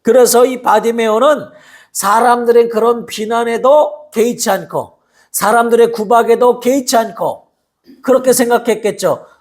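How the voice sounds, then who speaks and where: High-voiced soft-spoken male pastor preaching. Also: moderate pace, roomy sound. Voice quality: soft-spoken, by his own account. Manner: animated storytelling, acting out voices from the story. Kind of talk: sermon.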